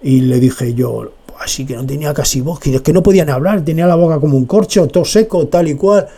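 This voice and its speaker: On his radio show, a man spins a lengthy, wandering story about his own life, scattering "tal y cual" fillers throughout. His voice is a touch high and mellow, and he talks at a quick pace.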